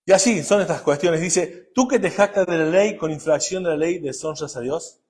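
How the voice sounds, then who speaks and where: High-voiced pastor preaching with emphatic bursts. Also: male voice, moderate pace. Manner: swings between hushed asides and loud emphatic bursts; asks the congregation rhetorical questions. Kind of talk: sermon.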